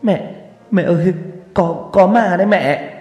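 A man reading a horror story aloud voices a frightened young girl who stammers and cries out shrilly, with a warm, lively delivery. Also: moderate pace, reverberant, long reverb tail, muffled recording, soft background music, natural voice. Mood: terrified. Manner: stammering, shrill when scared. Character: frightened young village girl, older sister.

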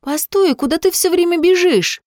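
A woman voicing a stubborn eighteen-year-old girl who talks in a high, insistent, pleading way. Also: normal speed, darkish tone, no room sound, clean studio sound.

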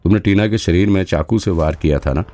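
A man's voice: sits low, a little fast, mellow, pitched above the performer's own voice, lightly acted. A man voicing a confident male detective who questions a suspect with firm, probing questions, in an audiobook.

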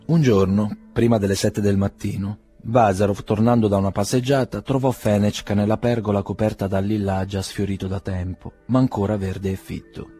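A man narrates a classic novel in a calm, measured manner. His voice is low and dark with a husky grain. Soft music plays faintly behind him. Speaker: audiobook reader. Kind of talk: scripted narration.

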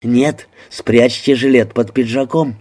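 A man voicing a calm, resourceful young American woman who reassures others. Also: mid-range voice, slow.

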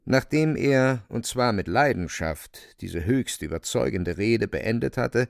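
A man narrating a radio drama in a vivid, expressive storytelling manner. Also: mid-range voice, measured pace, vocal fry, no room sound, clean studio sound.

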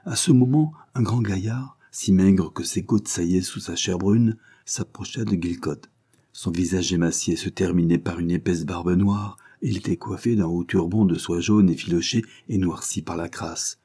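Brief: male audiobook narrator, very low husky voice, dark tone, steady measured reading. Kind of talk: audiobook reading of an adventure novel.

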